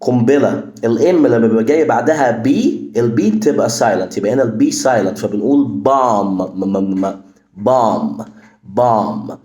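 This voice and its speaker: A man with an Egyptian Arabic accent teaching English pronunciation, repeating each word slowly and clearly. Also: mid-range voice, animated, mellow. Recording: echoey room.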